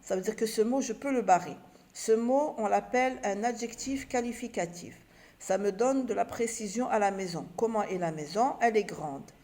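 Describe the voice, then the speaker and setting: Here a female primary school teacher works through a reading lesson for kids, breaking words into syllables and letters with patience and supplying answers to her own questions. She has a medium-pitched, dark voice at a normal pace.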